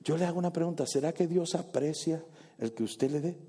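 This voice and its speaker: A man preaching a sermon as pastor in a church, lively, asking the congregation questions and acting out little scenes. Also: on the high side, brisk, slightly rough.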